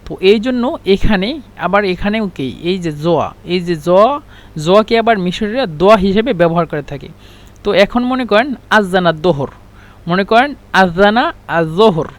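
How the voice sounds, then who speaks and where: A man teaching an Arabic lesson, explaining slowly and repeating words and letters one at a time. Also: high-pitched, animated. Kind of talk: spoken language lesson.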